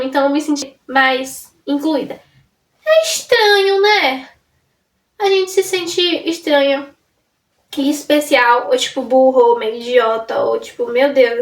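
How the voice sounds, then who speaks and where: A young woman vlogging in a casual, rambling way, often breaking off and restarting her sentences. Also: sits high. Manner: rambling, self-interrupting, chatty. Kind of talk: casual chat to camera. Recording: roomy sound from a distance off the mic.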